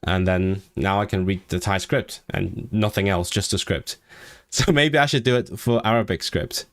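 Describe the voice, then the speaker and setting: A man from Hong Kong speaks with a vague non-southern English accent in a somewhat low voice. He chats on a livestream, reading out comments and rambling through his thoughts, restarting words and leaping up in pitch when something excites him. The sound is close and dry, with no room echo. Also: normal speed. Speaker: language-learning streamer.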